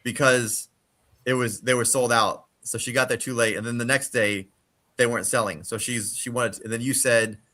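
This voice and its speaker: A man's voice: medium pitch, steady tone, normal speed, sharp tone. A man narrating as game master for a tabletop role-playing game, rambling with fillers.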